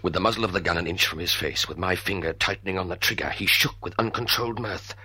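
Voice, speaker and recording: A tormented, embittered father in a radio drama. The voice is deep, rough and forceful. He speaks and narrates with grave intensity. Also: fast, exaggerated voice. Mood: grave, bleak. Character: embittered, tormented father haunted by a blood feud.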